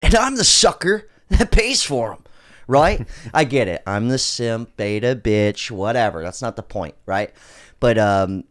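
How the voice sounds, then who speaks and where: A man hosting a casual podcast, reacting to clips with loud, laughing, profane banter. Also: mid-range voice, animated, measured pace. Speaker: podcast host.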